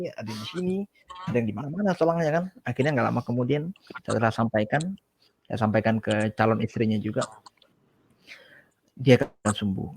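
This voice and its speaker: A man shares a personal testimony in a relaxed, chatty way and acts out the dialogue he recalls. His voice has a gravelly edge, and it sits dry and close to the mic. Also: medium pitch, no echo. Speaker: guest giving a testimony. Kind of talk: casual storytelling testimony.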